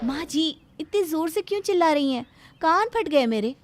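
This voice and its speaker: A woman voicing a feisty young bride who hides huge ears, cheeky and quick to snap back. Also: high-pitched, lively intonation, dry recording, voice pushed up. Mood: defiant.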